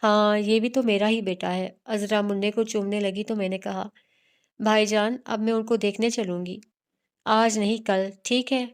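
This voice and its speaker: A woman's voice: medium pitch, steady tone, smooth. A woman narrating a romantic novel in the first person and reading the characters' dialogue in her own voice. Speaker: audiobook narrator.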